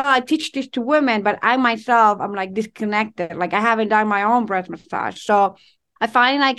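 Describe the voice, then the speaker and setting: A woman from Ecuador talks as an interview guest, her voice in the middle range for a woman. She speaks expressively, lining up words in slow, flowing strings. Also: medium pitch, fairly bright tone, clean tone. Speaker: intimacy coach and guest. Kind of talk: conversational interview.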